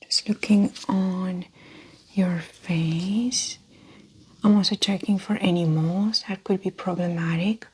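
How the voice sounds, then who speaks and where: A woman playing a calm, methodical female doctor in an ASMR role-play, speaking in a soft breathy soft voice with gentle clinical narration. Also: lowish voice, takes it slowly, full character voice. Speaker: ASMR performer.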